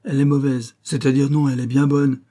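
A man's voice: mid-range voice, level tone, a little fast, mellow, voice pushed up, natural voice. Man doing a plaintive, despairing young man. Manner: plaintive, stammering, agitated. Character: distraught young man, rich man's son, despairing. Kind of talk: audiobook character voice.

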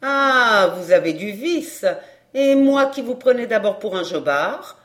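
A woman's voice: a little high, expressive, a little slow, fairly bright tone. A woman reading an audiobook voices a brash, streetwise female fortune-teller who banters and mocks. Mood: bantering. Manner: bold, bantering, mocking. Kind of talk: audiobook character voice.

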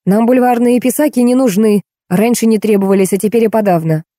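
A grumbling, scornful man who has had a glass too many, picking at everything in a raised, sour voice, as a woman reads him in an audiobook. The tone is mellow and dark, and the recording is close and dry. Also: fairly high pitch, brisk, no room sound, pitched above the performer's own voice, natural voice. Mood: irritated. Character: irritable tipsy middle-aged man, grumbling.

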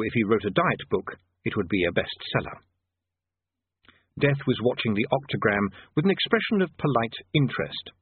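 Husky, animated male storyteller. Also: mid-range voice, no room sound. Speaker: audiobook narrator. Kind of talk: expressive scripted narration of comic fantasy. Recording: band-limited, phone-like audio.

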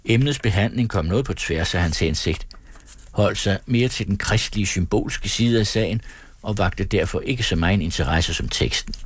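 A man narrating a story in a steady, measured audiobook reading. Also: fairly low pitch, husky.

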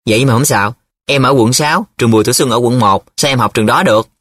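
A man voicing a blunt, skeptical young male student who fires off quick, probing questions, in an audiobook. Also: medium pitch, a bit bright, no echo, studio quality, natural voice.

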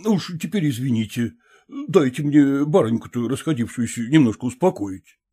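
A fussy elderly professor frets and pleads in a husky, mellow voice, as a man reads him in an audiobook. His speech rises and falls a lot, drawn out when he tries to calm a quarrel. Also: mid-range voice. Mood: soothing. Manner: fretful, soothing, drawn-out pleading. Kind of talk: audiobook character reading.

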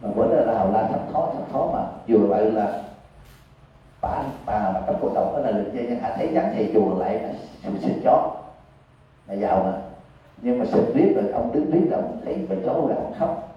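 A Buddhist monk with a Southern Vietnamese accent, giving a sermon in a folksy, conversational storytelling manner. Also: male voice, on the low side, lively intonation, fairly quick. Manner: folksy, conversational, acts out characters. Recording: echoey hall, far from mic, dull lo-fi.

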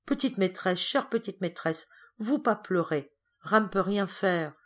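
A woman's voice: mid-range voice, expressive, measured pace, voice pushed up. A woman voicing a devoted male servant who speaks in broken, simplified sentences in a storybook reading. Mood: consoling.

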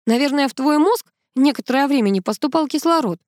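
Woman reading a gushing, excitable woman. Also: high voice, fairly quick, no echo, clean studio sound, pitched above the performer's own voice. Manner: gushing, emphatic. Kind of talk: audiobook character reading.

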